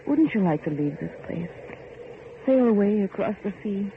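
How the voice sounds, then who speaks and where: An actor playing an idealistic, insistent factory heir in an old radio horror drama, with an earnest, pleading and commanding manner. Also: male voice, high-pitched, animated, moderate pace, creaky. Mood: earnest coaxing. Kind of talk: 1940s radio horror acting. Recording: muffled old radio recording, faint hiss.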